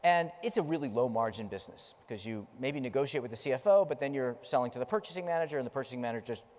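Moving around a large stage and gesturing, a middle-aged man delivers a conference keynote, telling stories emphatically. He races along in a mid-range, darkish voice with lively intonation, and the hall's long reverb trails behind him.

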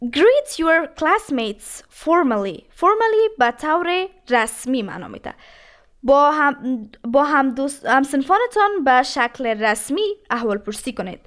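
A woman teaching an English lesson, reading English phrases slowly and then explaining each one. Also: high voice, very animated, a bit bright. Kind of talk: language lesson.

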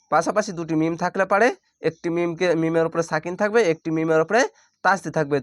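Man spelling out syllables, higher voice. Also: a bit bright, dry recording, clean studio sound. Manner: spells out syllables slowly, then chants the word drawn out. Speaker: Quran reading teacher. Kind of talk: step-by-step spelling lesson.

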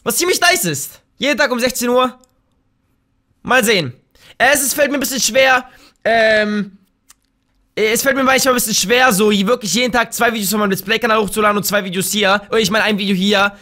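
A young man with a German accent talks through a shooter match as live commentary. His voice sits very high and sounds bright and forceful. He trash-talks the other players and keeps bursting into excited shouts. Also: brisk. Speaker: gaming YouTuber.

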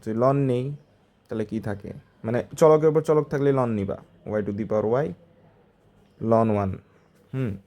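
A man's voice: mid-range voice, warm tone. A male math tutor walking through exam problems step by step, talking in a conversational way and often asking the student short checking questions.

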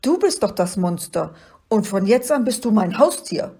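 A woman's voice: on the low side, animated, unhurried, warm tone, breathy edge, exaggerated voice. A woman voicing an indignant little male alien space pilot in a storybook reading. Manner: indignant, emphatic.

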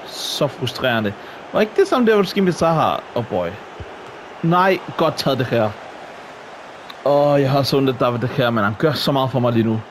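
A man giving excitable, exclamation-filled commentary while he plays a football video game. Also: mid-range voice, slight background noise. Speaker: gaming YouTuber.

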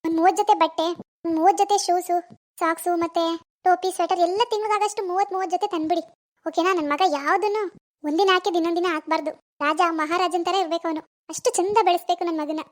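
A woman voicing a fussy, chatty young mother in a cartoon, who coos softly to her baby. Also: very high-pitched, steady tone, fast. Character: young adult woman, new adoptive mother, doting. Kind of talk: animated cartoon voice acting.

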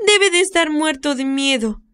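Woman putting on a high frightened little girl. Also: animated, normal speed, fairly bright tone. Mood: pleading. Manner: high pleading childlike voice.

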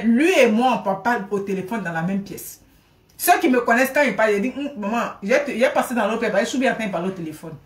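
A middle-aged woman chatting live to her viewers from a room at home, animated, often laughing, thanking people by name. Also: mid-range voice. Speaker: livestreamer. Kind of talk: casual live stream chat. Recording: echoey room.

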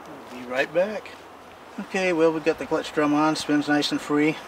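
Recorded from a distance by a camera mic, with outdoor noise present, an older homesteading host casually shows how to repair a chainsaw in his backyard. He talks in a folksy, rambling, plain-spoken manner. His pitch is fairly high and his speed normal.

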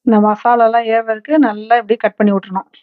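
A woman hosting a home cooking channel, calmly walking through each step and ingredient. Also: a little high, quick pace, phone-quality sound, slight background noise. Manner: calm, instructive, listing ingredients steadily. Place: home kitchen.

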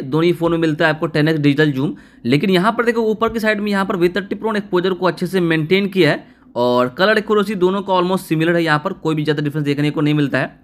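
A man with a high voice gives a casual voice-over review. He talks in a steady, explanatory way, pointing the viewer to one detail after another as he goes. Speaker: tech reviewer.

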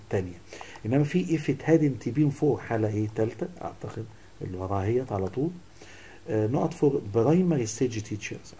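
A young man with an Egyptian Arabic accent, explaining English grammar exercises and quizzing his students, reading English sentences slowly. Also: fairly low pitch, dark tone, slight background noise. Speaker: English teacher.

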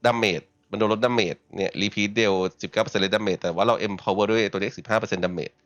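Relaxed low-voiced man explaining a game build. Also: brisk, no room sound. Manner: relaxed, chatty, frequent filler particles. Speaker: gaming channel host. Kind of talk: casual game build walkthrough.

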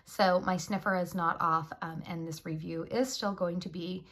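A woman's voice: fairly low pitch, fairly even intonation, normal speed, fairly bright tone, slightly rough. A woman with a head cold and a nasal voice, chatting casually as she reviews a scented candle, friendly and full of fillers.

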